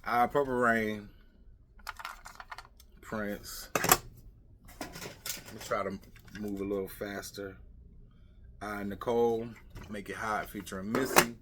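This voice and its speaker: A middle-aged vlog host chats casually, muttering rambling asides as he sorts through things. His lowish voice stays steady and slow with long pauses, and clicking and clattering come through clearly in the background.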